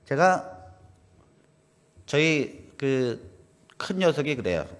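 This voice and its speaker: Animated preaching man in reverberant church. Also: medium pitch, extremely slow. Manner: swings between soft asides and loud emphatic preaching, acting out quoted dialogue. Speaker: pastor. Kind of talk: sermon. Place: small church. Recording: long reverb of a church hall.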